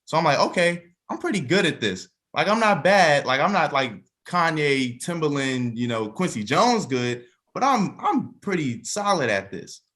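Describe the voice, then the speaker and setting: Very animated and barely pausing, a man in his twenties talks at a moderate pace in a relaxed interview, where he appears as a cast member and works as a musician and songwriter. His voice is a little high and fairly bright, and he often repeats phrases for emphasis.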